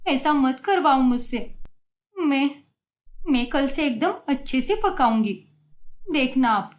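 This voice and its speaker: A woman's voice: sits high, lively intonation, slow. Woman playing a timid pleading young daughter. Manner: pleading, apologetic.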